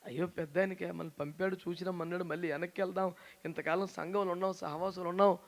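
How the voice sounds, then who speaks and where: A man preaching a sermon. He talks in a lively, teasing way and often acts out the people in his story. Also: sits high, fast talker. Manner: animated, teasing, acts out quoted voices. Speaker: pastor.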